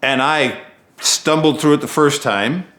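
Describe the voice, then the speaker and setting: A man, an actor, casually telling an anecdote in an interview as an animated storyteller who acts out dialogue. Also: fairly high pitch, a little slow.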